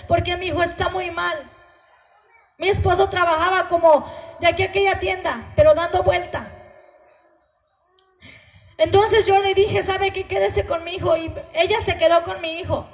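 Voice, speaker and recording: A woman's voice: very high voice, fairly even intonation, normal speed, roomy sound. Mexican woman giving a tearful church testimony. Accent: Mexican Spanish. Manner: emotional, earnest storytelling to a congregation. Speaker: testimony speaker at a church gathering. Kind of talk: spoken testimony.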